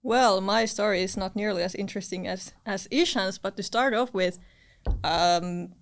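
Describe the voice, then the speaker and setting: A woman's voice: medium pitch, moderate pace. A young woman from Finland, a podcast guest, talking in a modest, friendly, casual manner. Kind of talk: casual interview chat.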